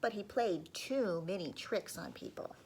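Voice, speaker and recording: A woman reading a folk tale aloud to children, pausing to ask them questions and dropping into whispers. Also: mid-range voice, lively intonation, a little mellow, a little hiss or hum, poor audio. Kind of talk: children's read-aloud storytelling.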